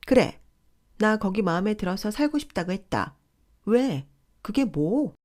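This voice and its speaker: A woman voicing a pushy, entitled older sister-in-law who scolds in a shrill, condescending way. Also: expressive, normal speed, darkish tone, lightly acted. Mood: shrieking.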